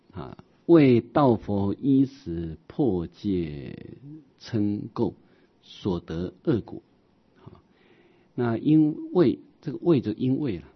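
A man teaching a Buddhist sermon on scripture, explaining as he goes, with many drawn-out "ah" fillers and rhetorical questions. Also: lowish voice, breathy edge, muffled recording.

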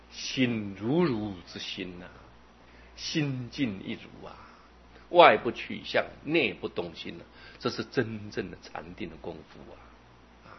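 Husky male Buddhist preacher. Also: on the low side. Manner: storytelling, with frequent filler particles. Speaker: Buddhist teacher. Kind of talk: Buddhist sermon. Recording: dull lo-fi recording.

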